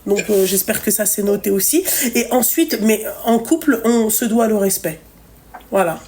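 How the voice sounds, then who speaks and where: A woman's voice: mid-range voice, normal speed, darkish tone, slight background noise. A woman hosts a live stream, giving blunt relationship advice in casual chat, swearing freely and full of fillers. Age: 30s.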